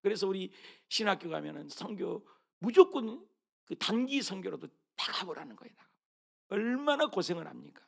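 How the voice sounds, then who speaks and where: Lively, gravelly-voiced preaching man. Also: high voice, moderate pace. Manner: animated preaching, swings from loud calls to hushed murmurs; keeps asking the congregation questions. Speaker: pastor. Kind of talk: sermon.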